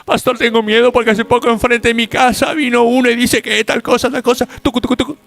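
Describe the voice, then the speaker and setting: A man's voice: extremely high pitch, level tone, quick pace, vocal fry, fairly bright tone, voice pushed up, heavily acted. A male preacher voicing a frightened churchgoer who complains in a whiny, fearful rush. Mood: fearful whine.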